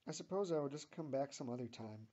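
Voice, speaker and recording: A man's voice: mid-range voice, animated, fast talker, warm tone, lightly acted. A cocky, sarcastic teenage girl, read by a man with little change from his own voice. The sound is dull and lo-fi.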